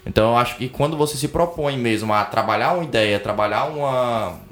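A man hosting a podcast, speaking in a measured way and often checking in with "né". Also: mid-range voice, fairly bright tone. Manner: measured, hedging with "né". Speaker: podcast host. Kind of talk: podcast chat.

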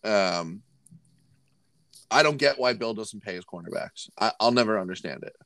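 A man's voice: fairly low pitch, animated, normal speed, vocal fry, a bit bright, no echo. A man co-hosting a sports podcast in casual chat, often restarting his sentences. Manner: repetitive, stumbling restarts. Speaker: podcast co-host.

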